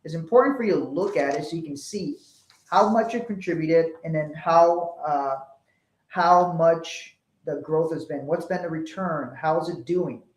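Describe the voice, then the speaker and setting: A man from Liberia in West Africa presents a financial webinar, explaining things conversationally and acting out bits of dialogue to illustrate his points. His pitch is fairly high and he speaks at normal speed. The recording has a roomy echo.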